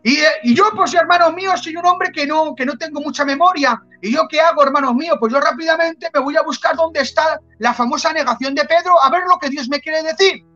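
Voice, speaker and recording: A man's voice: extremely high pitch, a little fast, few pauses, pushed and bright, dull audio, soft background music. A man preaching a testimony sermon with a Spanish accent from Spain, fervent and repetitive, telling a story.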